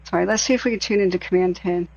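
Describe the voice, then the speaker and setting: A man's voice: high-pitched, very fast, creaky, dry recording. A man hosting a livestream, giving casual, off-the-cuff commentary while monitoring fire scanners. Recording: slightly dull lo-fi sound.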